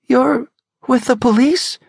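Guy putting on a panicked woman in a thriller audiobook, way high and shrill, husky edge, begging frantically. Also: slow, darkish tone, no echo, studio quality, full character voice. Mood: frantic. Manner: frantic, pleading, screaming. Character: terrified injured woman begging for help. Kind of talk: audiobook character voice.

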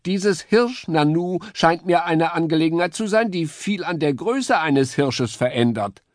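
A man's voice: on the high side, expressive, measured pace, no room sound, clean studio sound, voice pushed up. A man voicing a fussy, forgetful male woodpecker in a children's audiobook, talking pompously. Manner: pompous, chattering.

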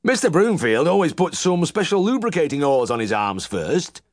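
In clean studio sound with no room ambience, a man pushes his fairly high-pitched voice up to play a smug little old farmer with a nasal West Riding Yorkshire twang. Very animated at a moderate pace, the character needles and boasts while endlessly praising another vet.

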